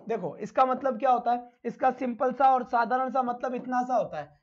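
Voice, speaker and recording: A man's voice: very high voice, fairly quick, muffled recording. A male teacher giving a live online lesson, who asks his own questions, answers them himself, and calls his students "beta".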